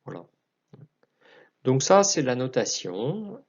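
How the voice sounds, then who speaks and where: Slow-speaking man teaching chant. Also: mid-range voice, lively intonation, vocal fry, darkish tone, dull audio. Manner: unhurried, hesitant explaining with restarts. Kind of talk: explanatory chant lesson.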